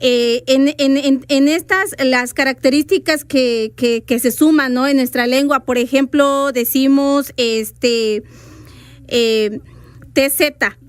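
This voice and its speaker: A woman from Veracruz, Mexico, whose first language is Zoque, appears as a radio guest and patiently explains her language's writing rules, spelling words out. Her high-pitched voice is clear and resonant, and she speaks slowly. There is no room sound.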